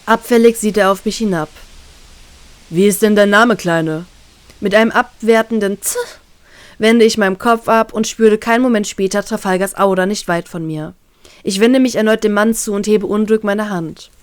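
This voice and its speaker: A woman reads a first-person fan-fiction story aloud at an average pitch. Her narration is calm and even. The recording is dry and close. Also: brisk, clean tone, no echo. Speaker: reader, narrator.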